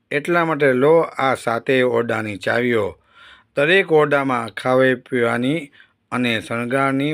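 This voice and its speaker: A man's voice: medium pitch, a bit bright. A man reading the lines of a protective older mother-in-law in a scolding, reassuring tone, close to his own voice.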